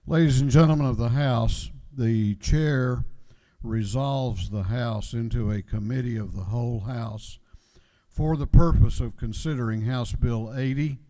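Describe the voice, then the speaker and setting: Mellow-voiced man presiding over a legislature. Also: mid-range voice, measured pace, in a large hall. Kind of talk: formal parliamentary procedure. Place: legislative chamber.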